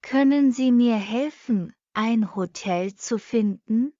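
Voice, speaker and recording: Very slow woman reading practice phrases. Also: a little high, warm tone, no room sound. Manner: reads each sentence twice, very slowly and evenly. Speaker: language lesson reader. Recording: dull lo-fi dry recording.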